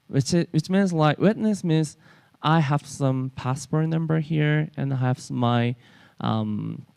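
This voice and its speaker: A man from South Korea lectures at a conference workshop in Korean-accented English, stopping often to restart his sentences. He speaks slowly and deliberately. His voice is smooth and clear, recorded dry and close with little room sound. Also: a little high, a little mellow, no echo. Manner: halting, many fillers and restarts. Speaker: workshop presenter. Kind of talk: technical lecture.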